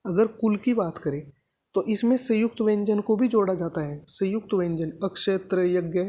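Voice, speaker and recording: A woman's voice: medium pitch, moderate pace, mellow. A woman teaching a grammar lesson to exam students, explaining step by step and answering her own questions. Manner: repeats points with frequent "thik hai" checks.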